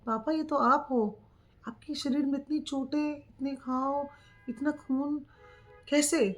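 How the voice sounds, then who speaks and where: A woman voicing a desperate young man, a wayward son, with pleading, high, loud outbursts in a told story. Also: fairly even intonation, normal speed, faint music behind, natural voice. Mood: shocked.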